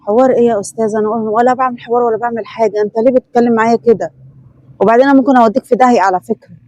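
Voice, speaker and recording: A woman's voice: a little high, steady tone, rapid-fire, a little mellow, lo-fi sound, slight background noise, natural voice. Woman playing a stern young Egyptian woman. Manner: firm, scolding, accusing. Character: brave young woman confronting a cruel son.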